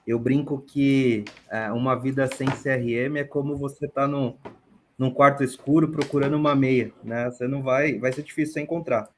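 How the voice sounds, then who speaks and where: A man from São Paulo speaks as a panel guest on a webinar. He explains in a measured, deliberate way, in a voice of ordinary pitch. A faint hum of background noise sits under his speech. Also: steady tone. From São Paulo, Brazil. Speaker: guest, real estate manager.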